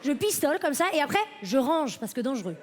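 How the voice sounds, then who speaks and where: A woman in her late twenties performs stand-up on a festival stage, her voice sitting high and bright in pitch. She talks straight to the crowd in a chatty, self-mocking way. A faint murmur of the live audience hangs behind her. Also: sing-song, quick pace, noisy background. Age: late 20s. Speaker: stand-up comedian. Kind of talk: stand-up comedy set.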